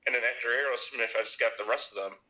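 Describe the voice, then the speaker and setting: A man in his twenties from Illinois, a podcast guest talking in a halting way with many restarts. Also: medium pitch, sharp tone, poor audio. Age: 20s. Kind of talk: casual chat.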